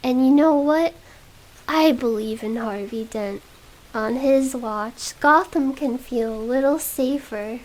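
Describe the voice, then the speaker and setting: A woman whispering the part of a smooth, rich young playboy in a whispered role-play reading. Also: high-pitched, takes it slowly, rough recording. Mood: teasing.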